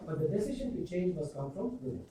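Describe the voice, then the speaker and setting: A man's voice: high-pitched, lively intonation, fast, background noise. A male guest speaker giving a motivational lecture with anecdotes, telling jokes to a class in a lecture room. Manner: jokey storyteller. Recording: echoey room from far off.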